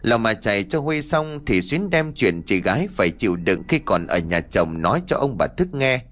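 A man narrating an audiobook story in an expressive, dramatic way. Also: lowish voice, normal speed.

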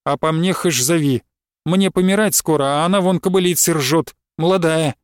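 A man's voice: a little high, normal speed, clean tone, dry recording, studio quality, natural voice. A man reading aloud, voicing a bitter, scolding old village woman in a storybook. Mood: resentful. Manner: scolding, rustic speech.

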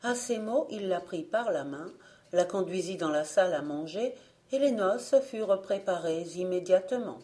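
A woman reading a folk tale aloud as an audiobook narrator, gentle and even. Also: lowish voice, moderate pace. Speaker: audiobook reader.

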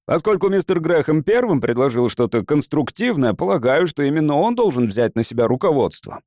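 A man voicing a big, confident American literary agent who speaks forcefully. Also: a little high, big pitch swings, brisk, no echo, studio quality. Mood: assured.

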